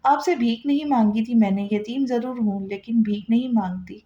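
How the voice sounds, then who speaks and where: Romance audiobook: a wounded, bitter young wife, read by a woman, high mellow voice, roomy dull recording. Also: normal speed, natural voice. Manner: bitter, sharp.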